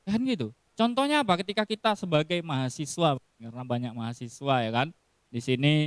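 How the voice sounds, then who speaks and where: A man's voice: a little high, dry recording, clean studio sound. A man giving a casual sermon in style, telling stories with acted quotes and frequent laughs. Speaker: preacher.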